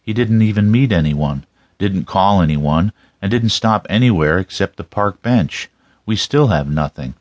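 A man's voice: sits low, animated, a little slow, darkish tone, no room sound, lo-fi sound. A man voicing a seasoned, wry male detective in audiobook dialogue, matter-of-fact in manner. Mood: discouraged.

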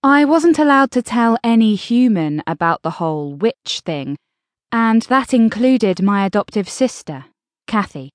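A woman's voice: on the high side, very animated, unhurried, no room sound. A woman narrating an audiobook in the first person, with a dry, wry storytelling manner, recorded close in a studio.

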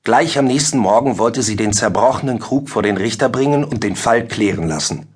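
A man narrating a classic story for children in a measured storytelling manner. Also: mid-range voice, lively intonation, husky. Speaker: audiobook narrator.

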